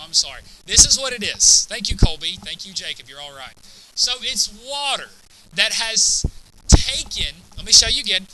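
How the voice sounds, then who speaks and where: A man lectures a chemistry class, constantly checking in with students by asking "right?" and "okay?" His voice sits high, and there's background noise.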